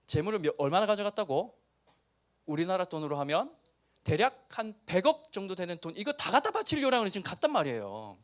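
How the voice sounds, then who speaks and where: A middle-aged pastor from Busan, speaking with a Busan dialect and preaching a lively youth sermon that acts out the story's characters. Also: male voice, sits high. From Busan, South Korea. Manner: animated storytelling, acting out characters.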